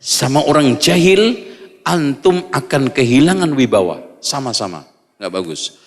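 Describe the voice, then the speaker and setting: A man preaching, reading Arabic lines and explaining them in a lively way, acting out little examples with humor. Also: medium pitch, a little slow, in a large hall. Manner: lively, acts out examples, jokes with audience. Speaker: Islamic preacher.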